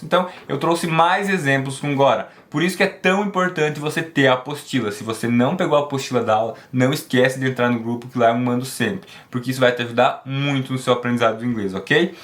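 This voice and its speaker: A man teaching an online English lesson. He explains things patiently, often checks in with "ok?", and slows right down to model English pronunciation. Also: medium pitch, a bit bright. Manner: switches to slow, drawn-out English for pronunciation demos.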